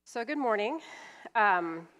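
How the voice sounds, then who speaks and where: A sniffly estate planning attorney in her fifties, from California, speaks slowly and animatedly at a church-hall seminar where she is the guest speaker. Her mid-range voice is a bit bright, and she explains plainly with some fillers, using a handheld mic despite her cold.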